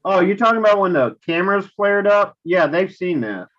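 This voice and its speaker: A woman's voice: medium pitch, animated, fairly quick. An American woman chatting in a folksy, casual way on a live stream. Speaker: co-host of a live spirit box session. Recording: dull lo-fi stream audio.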